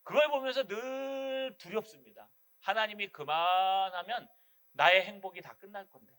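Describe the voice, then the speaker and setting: Male pastor, Gyeongsang accent, high bright voice, animated sermon delivery. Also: normal speed. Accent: Gyeongsang dialect. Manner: animated preaching, acts out quoted voices. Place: church sanctuary.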